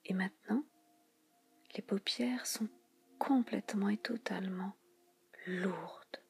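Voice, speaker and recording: Soft background music plays as a woman leads a relaxation hypnosis, her mid-range voice a soothing spa-style whisper. The delivery is hushed and breathy, slow and repetitive, broken up by frequent pauses.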